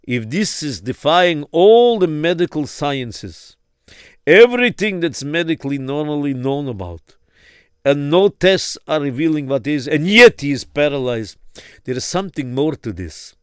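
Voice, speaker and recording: A man's voice: on the high side, animated, clear, resonant tone, no echo, studio quality. A man playing a stern, solemn rabbi. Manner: grave and insistent, slows for emphasis. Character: stern, solemn male rabbi advising a father.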